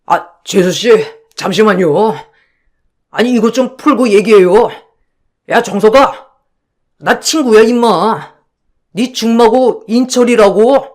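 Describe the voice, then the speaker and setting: A man voicing a brazen, smooth-talking male con man in a storybook audio drama, wheedling and then abusive. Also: high-pitched, a little slow, pauses often. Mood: pleading.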